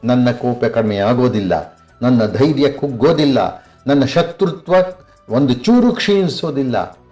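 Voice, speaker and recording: An older man in his sixties tells an epic tale on community radio. His delivery is conversational yet expressive, and he slips into chanting a line of verse now and then. Faint music sits beneath his mid-pitched voice. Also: a little slow. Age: 60s. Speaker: storyteller, retired lecturer.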